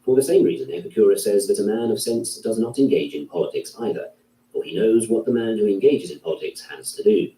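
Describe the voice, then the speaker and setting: Male reader, dark mellow tone, measured delivery, distant echoey recording. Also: fairly low pitch, lively intonation. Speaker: narrator. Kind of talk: reading a classic philosophy text aloud. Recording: roomy, distant from the mic.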